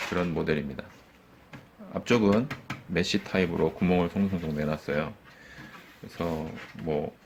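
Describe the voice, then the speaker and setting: A man's voice: low voice, a little hiss or hum. A man who runs a computer shop, casually walking through a PC case build with plain, informal talk and fillers. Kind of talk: casual hands-on product walkthrough.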